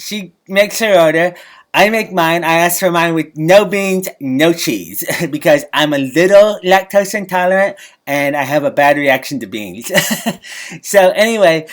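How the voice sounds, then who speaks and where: A man's voice: sits high, fairly bright tone. Awkward, giggly man telling a story. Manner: giggly, chuckles often between phrases. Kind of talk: comedic storytelling to camera.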